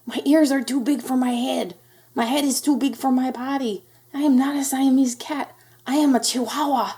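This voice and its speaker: A woman voicing an excitable boy kitten who plays a bold Chihuahua swordfighter with a mock Spanish accent in a storybook. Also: high voice, normal speed, voice pushed up. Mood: proud declaring. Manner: boastful, exuberant, singsong. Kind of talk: children's storybook read-aloud.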